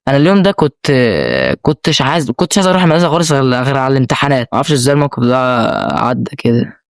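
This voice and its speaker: A man's voice: mid-range voice, fairly even intonation, very fast, no echo, clean studio sound. A young man with an Egyptian accent, telling an emotional personal story as a vlogger, rambling with many restarts. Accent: Egyptian Arabic.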